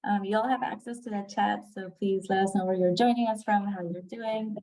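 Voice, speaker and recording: A woman welcomes people to an online event in a friendly, unhurried way, dropping in small fillers as she goes. Her voice sits at a middle pitch. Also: steady tone, warm tone, rough recording. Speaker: event host. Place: Costa Rica.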